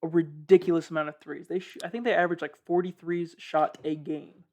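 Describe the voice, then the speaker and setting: Laid-back young man, slightly higher voice. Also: little pitch movement, fairly quick. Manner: laid-back, laughs often, cites stats. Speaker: podcast co-host. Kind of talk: casual sports chat.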